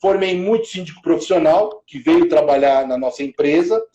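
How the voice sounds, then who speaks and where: A man's voice: fairly high pitch, normal speed, mellow. Man telling his career story, roomy sound. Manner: rambling, with many restarts and fillers. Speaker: professional building manager, interview guest. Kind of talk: casual interview storytelling. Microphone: video call.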